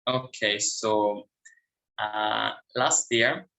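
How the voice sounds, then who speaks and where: A man's voice: lowish voice, steady tone, very slow, gravelly, pushed and bright, echoey room, rough recording. A young man in his twenties from Italy with an Italian accent, a university student talking casually as an interview guest, hesitant with many fillers and restarts.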